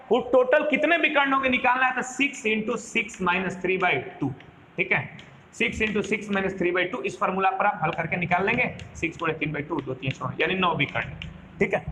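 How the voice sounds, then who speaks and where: A man's voice: sits high, lively intonation, moderate pace, pushed and bright. A male maths teacher with a Bihari Hindi accent, giving a chatty classroom lecture that repeats phrases and asks students questions. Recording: echoey room with faint background noise.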